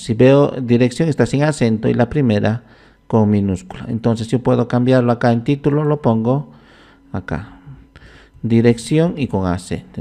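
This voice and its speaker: Male tutorial narrator, mid-pitched, warm and mellow, unhurried and explaining step by step. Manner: unhurried, thinking aloud with frequent "entonces". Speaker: software instructor. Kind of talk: screen-recorded software tutorial.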